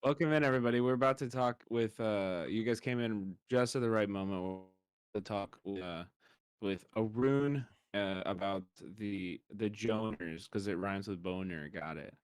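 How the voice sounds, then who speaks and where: A man's voice: fairly low pitch, moderate pace, smooth, no room sound. A man co-hosting a livestream as a fellow streamer, talking in a loose, joking, chatty way. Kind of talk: casual livestream chat.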